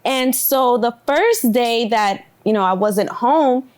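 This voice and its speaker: A woman co-hosting a casual talk show, telling stories in an animated way and acting out the quotes. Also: fairly high pitch, slow. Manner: animated storyteller, acts out quotes. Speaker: podcast co-host.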